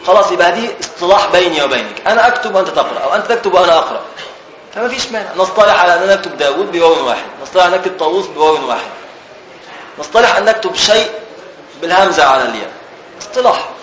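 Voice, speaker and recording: Egyptian sheikh reading an old text then explaining it, repeats himself, echoey room. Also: male voice, sits high, animated, very fast, a bit bright, dull audio. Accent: Egyptian Arabic. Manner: reads the text, then explains it in colloquial speech, repeating key phrases. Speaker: religious teacher. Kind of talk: classical text lesson.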